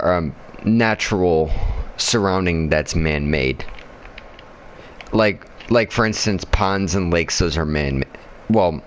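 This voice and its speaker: A man's voice: a bass voice, slight background noise. A tired man chatting casually over his gameplay after a night shift, rambling, swearing a lot and stumbling over his words. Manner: rambling and profane, with frequent pauses and restarts. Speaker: gamer streaming his own play.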